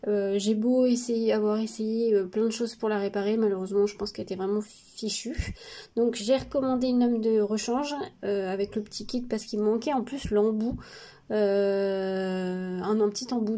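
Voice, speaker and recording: A woman with a sniffly cold speaks casually from her home studio. Her voice is mellow and slightly high, and her speech is hesitant and full of fillers. There is a faint hiss in the background. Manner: hesitant, many pauses and fillers. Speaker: craft vlogger. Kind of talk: casual studio vlog chat.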